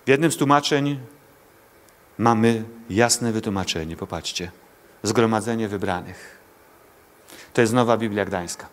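A man's voice: fairly low pitch, measured pace, long pauses. A male pastor preaching a sermon to a congregation in church, speaking directly to listeners, pleading and asking rhetorical questions.

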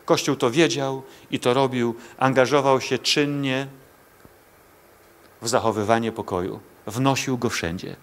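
A man's voice: medium pitch, steady tone, measured pace. A male pastor preaching a sermon to a congregation in church, speaking directly to listeners, pleading and asking rhetorical questions.

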